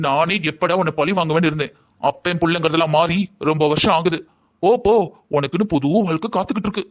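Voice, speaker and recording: Figure: heartless father, cartoon voiced by a man. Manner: callous, taunting. Pace: fast. Pitch: a little high. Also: lightly acted. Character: greedy heartless middle-aged father. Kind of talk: cartoon story voice acting.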